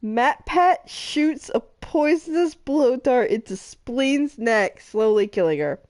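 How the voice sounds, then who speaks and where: A woman with a high, animated, slightly mellow voice speaks slowly as she hosts a live game stream. She chats casually, reads game events aloud, and giggles often between lines.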